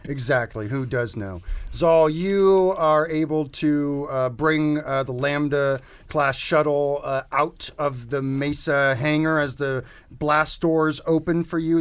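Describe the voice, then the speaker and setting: A man's voice: medium pitch, fairly bright tone, smooth. A man narrating as game master of a tabletop role-playing game, talking loosely with many restarts and fillers.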